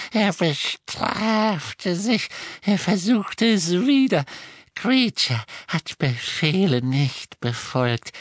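A grief-stricken old house-elf, servile and broken, voiced by a woman. He drags every word out at a crawling pace, halting and sobbing. The audiobook recording is bone-dry, with no room sound at all. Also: fairly low pitch, husky, no echo, heavily acted. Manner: sobbing, halting, slow and heavy. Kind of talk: audiobook character reading.

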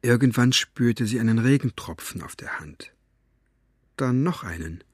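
A male audiobook narrator with a slightly husky, breathy tone, reading in a measured storytelling manner. His voice sits at an ordinary pitch and is recorded close and dry. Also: expressive, dry recording. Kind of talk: scripted narration.

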